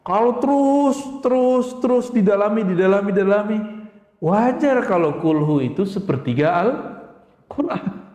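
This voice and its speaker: A man delivers an emphatic sermon in a high voice, often throwing rhetorical questions at the congregation. His words ring out in a large hall with a long, roomy reverb. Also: expressive, measured pace, a little mellow. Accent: Indonesian. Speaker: preacher. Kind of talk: religious lecture to a congregation.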